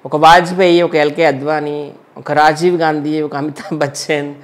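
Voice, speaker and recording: A man from Andhra Pradesh, an entertainer, chatting casually in an interview and giving blunt, quick one-line verdicts. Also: on the high side, fairly even intonation.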